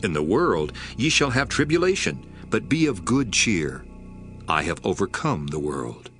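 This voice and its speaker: A man's voice: fairly low pitch, sing-song, unhurried, a bit bright. A man playing Jesus, a solemn, tender teacher, in a dramatized scripture reading with earnest, prayerful delivery. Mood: comforting. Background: background music.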